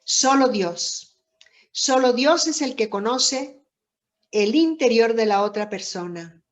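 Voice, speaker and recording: A woman giving a reflective Bible lesson, speaking deliberately with many pauses and rhetorical questions. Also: on the high side, expressive. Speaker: Bible teacher. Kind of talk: slow, reflective Bible teaching. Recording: dull lo-fi recording.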